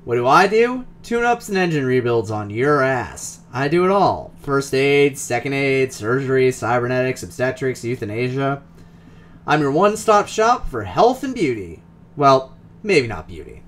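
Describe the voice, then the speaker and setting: A man's voice: mid-range voice, sing-song, normal speed, slight background noise, lightly acted. A man voicing a cheerful, boastful cyber-doctor in his forties with a loose Midwestern accent, read from a game's text. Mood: jovial. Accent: loose Midwestern US (put on). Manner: jovial, boastful, rambling.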